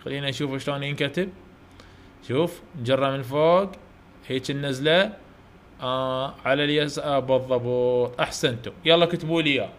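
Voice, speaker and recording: An Iraqi man teaches young children in an online lesson, his voice sitting a little high for a man. He talks in an encouraging, repetitive way, coaxing the kids to say each letter back and praising them again and again. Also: fairly bright tone. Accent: Iraqi Arabic. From Iraq.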